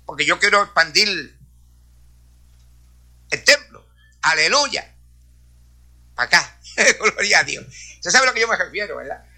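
A man speaks to a congregation in a testimony-style sermon, sprinkling hallelujahs and praise between his sentences. His voice sits high for a man, with a sharp, very bright edge. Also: big pitch swings, measured pace, long pauses. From Puerto Rico. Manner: peppers speech with hallelujahs and praise. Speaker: church speaker.

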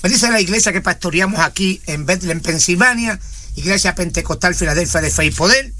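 Male radio preacher, fervent, high and bright tone. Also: fairly quick. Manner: fervent, frequent interjections of praise. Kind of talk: radio sermon and prayer.

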